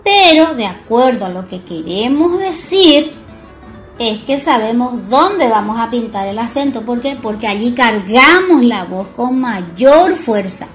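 A woman teacher explaining marks, talking slowly and repeating words to make a point. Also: a little high, lively intonation, faint music behind. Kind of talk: bilingual Guarani and Spanish grammar lesson.

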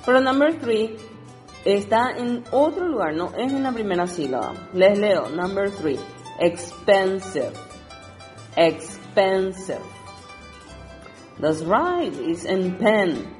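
A woman teaching English to Spanish speakers, explaining exercises and reading each word slowly twice. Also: medium pitch, big pitch swings, a little mellow, echoey room, big-room sound, faint music behind. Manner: switches between Spanish and English, reads words slowly twice. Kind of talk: recorded lesson explaining exercises.

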